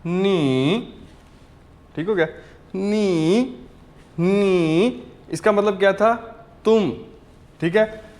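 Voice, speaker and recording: High-voiced man drilling words slowly. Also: darkish tone. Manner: patient, drills words over and over. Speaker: language teacher. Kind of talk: slow repetitive language lesson.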